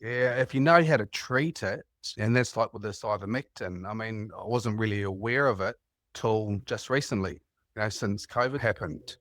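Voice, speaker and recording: A man's voice: on the low side, normal speed, a bit bright, no room sound, studio quality. A man from New Zealand with a New Zealand accent, calling in and telling rambling stories in a casual chat. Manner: rambling, anecdotal storytelling with laughs. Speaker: caller.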